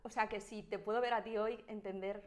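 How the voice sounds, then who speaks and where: A woman hosts a podcast interview in a mid-pitched voice, chatting casually. She jumps in often with quick questions and short encouraging sounds. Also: steady tone. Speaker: podcast host.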